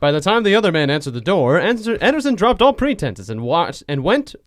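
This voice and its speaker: A man's voice: high-pitched, big pitch swings, a little fast, dry recording, studio quality. A man reading a story aloud in a mock 1940s newsreel announcer style, with over-the-top dramatic delivery. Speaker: podcast co-host reading fan fiction aloud.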